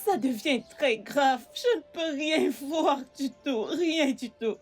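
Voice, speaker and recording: A desperate blinded mother in a French-dubbed film drama. Her voice sits high and moves slowly, pleading and wailing. Faint music plays under it. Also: a little mellow. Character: mother going blind, beaten by husband. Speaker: actor.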